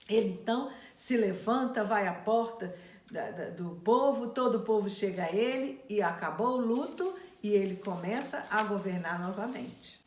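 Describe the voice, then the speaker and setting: A woman's voice: medium pitch, animated, normal speed, a little mellow, reverberant. Woman teaching a Bible study. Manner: reads scripture aloud, then retells it in casual speech.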